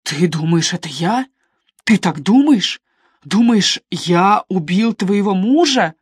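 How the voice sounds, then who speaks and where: A woman's voice: medium pitch, animated, takes it slowly, husky, no echo, clean studio sound. A woman reading an audiobook, voicing an agitated young man who throws out sarcastic, defensive retorts. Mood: defensive sneering.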